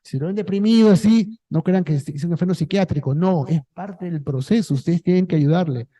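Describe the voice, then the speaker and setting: A man's voice: high-pitched, fairly quick, dark tone, no echo, rough recording. A man, a priest, giving a talk to a parish group in a casual way, often checking in with the listeners. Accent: Peruvian Spanish. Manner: conversational, checks in with "¿no?" and "¿ya?". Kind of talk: pastoral talk with audience.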